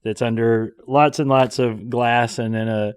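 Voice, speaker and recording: A man's voice: mid-range voice, fairly even intonation, unhurried, smooth. Podcast host guy, eager and chatty, explains stuff with lots of ums. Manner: enthusiastic, explanatory, with frequent fillers. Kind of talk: casual podcast conversation.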